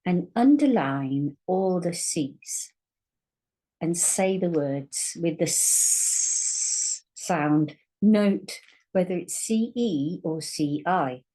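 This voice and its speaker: Woman, low-ish voice, slow deliberate phonics teacher, sounds out each letter patiently. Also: expressive, mellow, rough recording. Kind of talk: recorded online spelling lesson.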